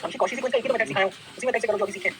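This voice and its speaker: A man's voice: sits high, racing, background noise. A man teaching a university math class, explaining proofs and quizzing his students with repeated questions. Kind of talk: classroom lecture, mixing Hindi and English.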